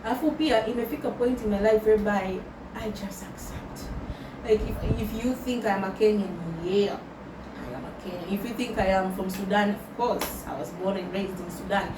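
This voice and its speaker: Slow and thoughtful, a young vlogger from Tanzania reflects on her life in English while slipping in Swahili words. Her voice sits in the middle of the female range, and the audio is distant and roomy, with heavy background noise.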